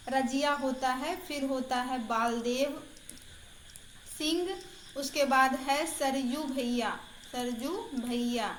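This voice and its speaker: A high-pitched woman teaches an exam-prep lesson over her screen, chatty and encouraging, and she repeats each answer aloud for her students. A faint hiss sits under her voice. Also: fairly bright tone, reverberant. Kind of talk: casual online lesson.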